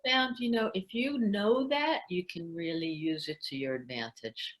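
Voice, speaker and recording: An older woman from New York with a Brooklyn accent, a guest in a casual interview who tells animated stories and laughs easily. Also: on the low side, normal speed.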